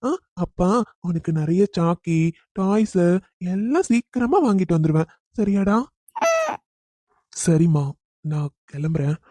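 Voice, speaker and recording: A woman voicing a loving young father who talks in a warm, reassuring way. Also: on the low side, unhurried, dry recording. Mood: tender. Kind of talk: cartoon voice acting.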